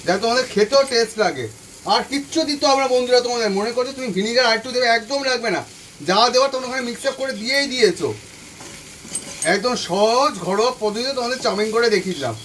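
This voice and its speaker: At the kitchen stove, a man with an extremely high-pitched, fairly bright voice speaks very fast to viewers of his home cooking channel, guiding them step by step through a recipe and repeating every instruction. He's off the mic at a distance, with a little hiss or hum, and frying and stirring sound behind him.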